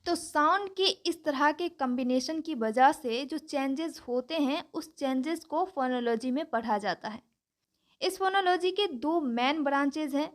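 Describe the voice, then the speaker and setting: Woman with a high voice teaching a lesson, careful steady explaining. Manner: slow, careful explanation with spelled-out example words.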